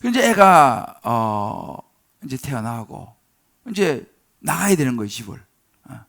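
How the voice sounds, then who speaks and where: Gravelly middle-aged pastor preaching emphatically. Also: male voice, very animated, takes it slowly. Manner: swells loud and high on key words, drawn out; storytelling asides with fillers and tag questions. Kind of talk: sermon.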